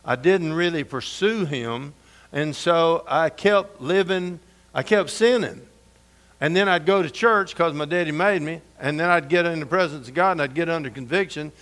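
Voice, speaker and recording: A middle-aged man preaching a storytelling sermon, folksy and humorous, going soft and intense for scripture. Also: a little high.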